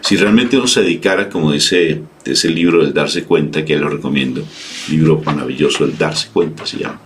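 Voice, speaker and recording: Man, very low voice, fervent preacher, earnest reflection, faint noise behind. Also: moderate pace, a bit bright. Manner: earnest, fervent, acts out pleas in a higher voice. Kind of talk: spoken reflection and sermon.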